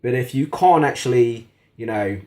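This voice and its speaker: With a medium pitch, darkish tone and lively intonation, a man speaks at a normal pace. He's a gadget reviewer demonstrating a product in a kitchen, conversational and casual yet frankly critical.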